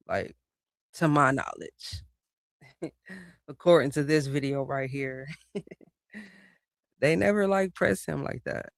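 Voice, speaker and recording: Male reaction host, higher-pitched, profane and mocking, dry close sound. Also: smooth, no room sound. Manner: profane, mocking, laughs often. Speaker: reaction commentator. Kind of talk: casual live reaction commentary.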